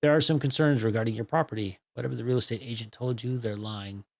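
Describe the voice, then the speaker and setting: A man's voice: medium pitch, fairly even intonation, fast talker, lightly acted. A man voicing a polite, anxious husband who speaks earnestly and apologetically. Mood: earnest pleading. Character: anxious, polite husband worried for his wife.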